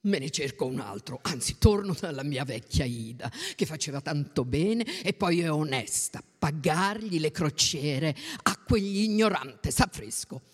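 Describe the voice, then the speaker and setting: A reader voicing a blunt, loud older woman who rants indignantly, in a storybook reading. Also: medium pitch, lively intonation, normal speed, slightly rough, pitched below the performer's own voice. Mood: huffy. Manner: indignant ranting, shouting. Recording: long reverb.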